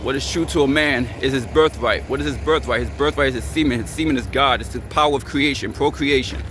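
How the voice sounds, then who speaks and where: A man's voice: medium pitch, fast talker, fairly bright tone, slight background noise. A man giving a blunt, confrontational motivational rant as a vlogger, hammering the same points over and over in a preachy way.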